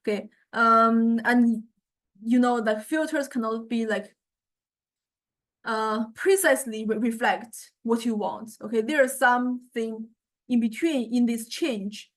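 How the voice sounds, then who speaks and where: In a casual software demo and lecture, a music technology instructor speaks in a fairly high pitch. Haltingly, she restarts words repeatedly and regularly asks check-in questions.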